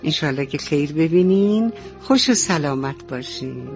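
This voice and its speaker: A radio storyteller in a studio narrates a bedtime story for children, speaking to them tenderly and fondly. Her low, slightly mellow voice has lively intonation. The radio recording is dull, with faint music.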